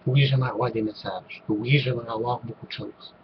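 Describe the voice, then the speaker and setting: A man's voice: medium pitch, steady tone, fairly quick, slight background noise. Hesitant Québécois man on a dull recording. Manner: hesitant, many fillers and restarts. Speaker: channel host answering viewer questions. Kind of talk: casual talk to camera.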